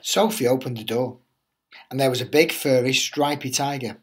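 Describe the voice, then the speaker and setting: In a reassuring, expressive style, a headteacher in middle age shares a picture book with young listeners. He speaks at a normal speed with a medium-pitched voice.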